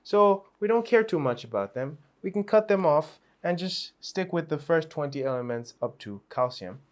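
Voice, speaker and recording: A man's voice: fairly high pitch, expressive, normal speed. A man teaching a chemistry revision lesson in a playful, chatty way, with asides and small laughs.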